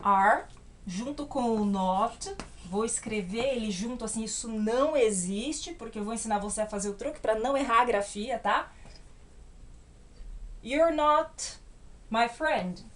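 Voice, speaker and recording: This English teacher is a woman with a fairly high pitch and a Brazilian Portuguese accent, leading a grammar lesson on a whiteboard. She stays patient, drops in short tag questions to check in, and takes her time spelling out each English example.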